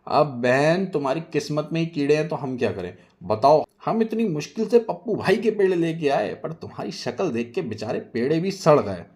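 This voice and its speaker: A man voicing a loud, rude and boastful woman who scolds and taunts everyone in a storybook tale. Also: on the high side, very animated, moderate pace, few pauses, voice pushed up. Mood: taunting.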